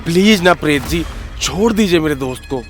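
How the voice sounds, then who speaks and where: A man's voice: fairly high pitch, lively intonation, fairly quick, faint music behind, natural voice. A man voicing a cocky, talkative young male ghost with rustic, teasing banter. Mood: pleading. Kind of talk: audio story acting.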